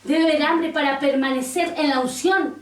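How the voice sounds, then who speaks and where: A woman's voice: sits high, steady tone, moderate pace. A woman pastor preaching a sermon, quoting scripture and asking the congregation questions. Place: church. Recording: roomy church sound from a distance.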